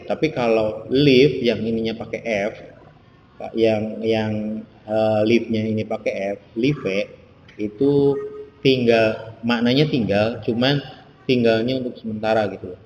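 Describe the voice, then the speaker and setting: A male teacher with an Indonesian accent giving a casual online English lesson, saying example phrases slowly and repeating them. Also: fairly low pitch, darkish tone, slight background noise. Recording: echoey room, dull lo-fi sound.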